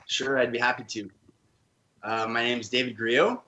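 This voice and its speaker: A man's voice: medium pitch, steady tone, normal speed, pushed and bright, highs cut off. A man from Canada, a podcast guest, telling his story in an earnest, reflective way during a casual interview.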